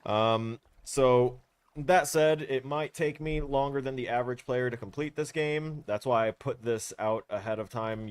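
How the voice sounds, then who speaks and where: A man with a lowish voice talks casually on a home livestream. He is blunt and firm and tends to ramble with fillers as he sets ground rules. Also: clean tone. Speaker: game streamer. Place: home room.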